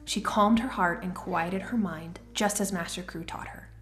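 A woman narrating a children's storybook in a gentle, even-paced reading. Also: fairly low pitch, normal speed, faint music behind.

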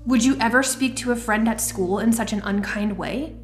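A woman voicing a wise, stern female mentor in a storybook reading, speaking in a calm, firm, measured way. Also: fairly high pitch, soft background music, lightly acted.

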